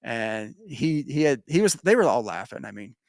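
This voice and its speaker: A man's voice: medium pitch, big pitch swings, normal speed, vocal fry, no room sound, clean studio sound. A man from the United States hosting a casual sports betting podcast, rambling and correcting himself as he goes. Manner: rambling, self-correcting, chuckles. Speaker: podcast host.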